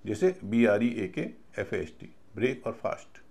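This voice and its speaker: A man teaching a video class, slow and patient, stopping to spell out each word letter by letter. His voice is gravelly and rises and falls a lot. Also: on the low side, expressive, a little mellow. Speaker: English pronunciation teacher.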